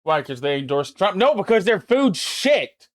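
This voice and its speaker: A man's voice: high-pitched, sing-song, normal speed, no echo, clean studio sound. A man hosting a livestream, chatting casually and ranting with emphatic, profane complaints into a desk mic. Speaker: livestream host. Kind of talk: casual chat.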